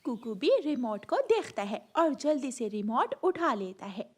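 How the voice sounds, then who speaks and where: Fields: Role: woman narrating a children's cartoon. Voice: high, lively. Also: measured pace.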